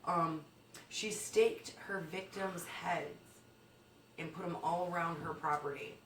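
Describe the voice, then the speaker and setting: A woman's voice: on the low side, steady tone, slow, slight background noise. Woman telling a goofy fake news story, lots of ums, echoey room, kinda far from the mic. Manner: playful storytelling with ums and swearing. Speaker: comedy news co-host. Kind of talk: comedic mock news story.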